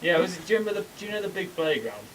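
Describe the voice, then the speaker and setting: Young man, halting, lively pitch. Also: far from the mic, a little hiss or hum, low-quality recording. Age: young adult. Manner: halting storytelling, many restarts. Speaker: co-host. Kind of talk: casual chat over gameplay.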